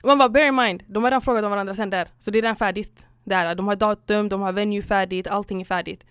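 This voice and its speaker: A woman chats casually and retells a story, voicing each person in turn and dropping English phrases into her speech. Her voice is smooth and clear. The recording is dry and close, with no room sound. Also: mid-range voice, steady tone, fairly bright tone, no room sound. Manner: retells stories acting out both sides, mixing in English phrases. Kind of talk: casual chat.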